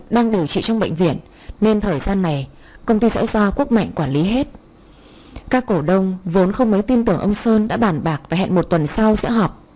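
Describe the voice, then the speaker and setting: Woman storyteller, steady read, mellow and warm. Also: mid-range voice. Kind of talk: narrated audio story.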